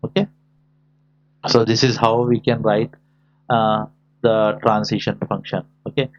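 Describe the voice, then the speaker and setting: A man's voice: lowish voice, level tone, unhurried. A man teaching a lesson, dictating notation symbol by symbol and posing short questions as he works through it step by step. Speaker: lecturer teaching a class. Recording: dull, lo-fi audio.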